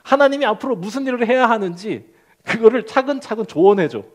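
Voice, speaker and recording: A male pastor preaching a sermon, acting out quoted complaints in character voices and dropping to a soft, low delivery at key moments. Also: brisk. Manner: animated, acts out the prophet's complaints in quoted voices.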